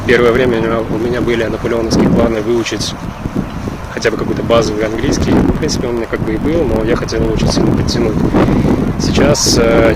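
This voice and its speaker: A man from Russia, chatting in a halting, reflective way in a casual vlog recorded outdoors with wind on the mic. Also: medium pitch. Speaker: vlogger. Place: outdoors in a park. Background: wind and outdoor ambience.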